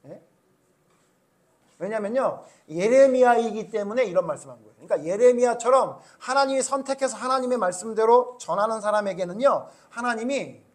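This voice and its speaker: High-voiced pastor preaching conversationally. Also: male voice, a little mellow. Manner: conversational, keeps asking the congregation questions. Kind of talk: Sunday sermon. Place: church sanctuary.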